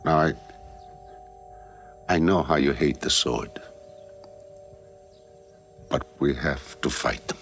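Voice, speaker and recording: An actor playing a fierce middle-aged warrior who speaks in a forceful, commanding way. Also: male voice, very deep voice, slow, long pauses, soft background music, full character voice. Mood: earnest. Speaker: warrior urging his people to fight. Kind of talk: 1970s film acting.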